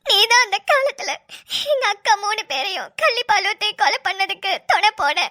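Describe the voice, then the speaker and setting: A woman's voice: very high-pitched, sing-song, normal speed, bright, forceful tone, full character voice. A woman voicing a frightened, devoted young granddaughter in a cartoon, pleading and tearful. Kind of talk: cartoon voice acting.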